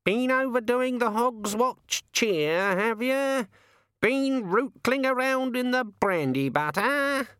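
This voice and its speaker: A man voicing a cocky, talkative male raven who grumbles in a slow, drawling, working-class way. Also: very high voice, expressive, pushed and bright, clean tone, no echo, clean studio sound, voice pushed up, full character voice. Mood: chatty.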